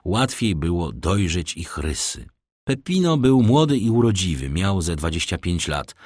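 A man narrating a classic novel as an audiobook in an expressive, dramatic manner. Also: lowish voice, no room sound.

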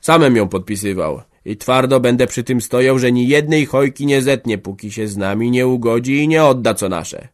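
A man's voice: medium pitch, normal speed, few pauses, pitched above the performer's own voice, lightly acted. Man doing a stern old peasant farmer. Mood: stubborn, defiant. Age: older. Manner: stern, harsh, emphatic. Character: stubborn, hard-hearted old peasant farmer. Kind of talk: audiobook character voice.

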